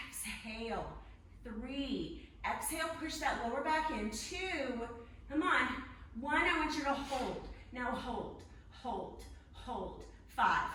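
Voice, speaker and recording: Echoey, higher-voiced woman aerobics instructor. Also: fairly bright tone. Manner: counting and cueing moves in short encouraging commands; physically exerting while talking. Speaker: fitness instructor. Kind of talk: aerobics instructor leading a live workout class. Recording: very echoey room, distant mic, faint noise.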